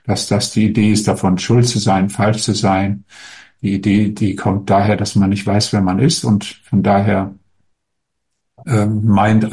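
A man speaking as a spiritual teacher, answering viewer questions in a calm, musing way with frequent hesitations. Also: lowish voice.

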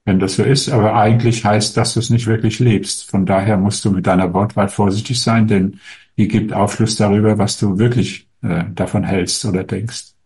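This spiritual teacher responds to viewer questions in a fairly low voice at a normal pace. He sounds calm and reflective, and he hesitates often.

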